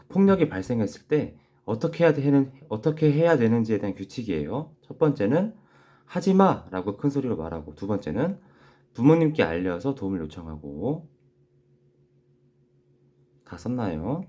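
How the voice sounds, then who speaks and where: A man teaching young children in a recorded class, gently repeating key phrases slowly so they can write them down. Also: fairly low pitch. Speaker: elementary school teacher.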